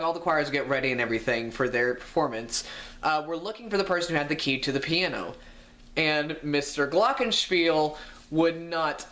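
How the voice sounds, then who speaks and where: Young man ranting, fairly high voice. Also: bright, forceful tone. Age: young adult. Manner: exasperated, ranting, voice jumps up when indignant. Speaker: vlogger. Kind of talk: storytime rant.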